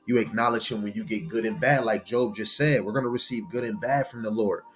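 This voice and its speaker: A man teaching a sermon-style Bible lesson in a conversational way, often checking in with "right?" and reading scripture slowly. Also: on the low side, soft background music.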